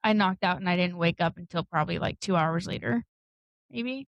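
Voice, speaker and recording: A woman's voice: fairly low pitch, normal speed, no echo, muffled recording. A woman co-hosting a podcast, telling a personal story in a candid, blunt way, swearing and laughing often. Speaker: podcast co-host. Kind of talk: casual storytelling.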